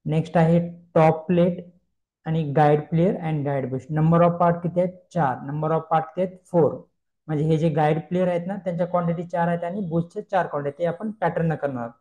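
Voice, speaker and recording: A man giving a screen-recorded software tutorial, explaining step by step and asking himself questions he then answers. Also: fairly high pitch, fairly even intonation, fairly quick, lo-fi sound. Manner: explains step by step, mixing English terms, repeats questions and answers them.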